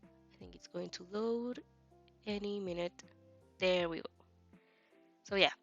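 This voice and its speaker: Over background music, a woman streams a relaxed fanfic reaction chat, giggling and hesitating as she hunts for words. Her mid-range voice is creaky and measured in pace, and the audio sounds dull.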